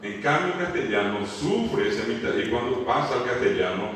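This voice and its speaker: A man's voice: medium pitch, big pitch swings, normal speed, fairly bright tone. A man from Paraguay with a Paraguayan Spanish accent gives a symposium lecture in a university hall and acts out how people mispronounce words. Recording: echoey hall mic from far off.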